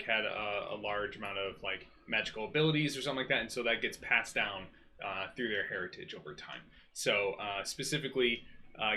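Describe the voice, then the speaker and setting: A man's voice: fairly low pitch, bright, forceful tone, a little hiss or hum. A man, a player in a tabletop game, chatting loosely about his character with plenty of fillers.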